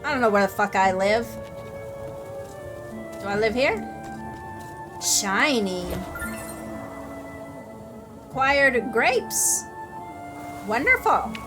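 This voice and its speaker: Woman let's-player, sarcastic, swears, high lively voice, game music behind. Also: drawn-out words, pauses often. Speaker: gameplay commentator. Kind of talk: casual let's-play commentary.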